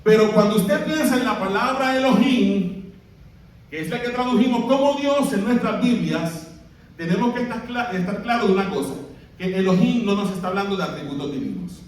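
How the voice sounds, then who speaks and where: Preaching in an expressive, high voice at a moderate pace, a pastor from Puerto Rico quizzes his congregation and leads them in reading aloud. The sound is distant and heavily echoed by the church hall.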